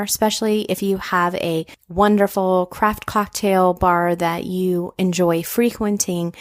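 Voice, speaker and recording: A woman with a Southern American accent hosting a podcast, chatting casually with a guest and reading her show intro. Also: mid-range voice. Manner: friendly, chatty, laughs easily. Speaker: podcast host.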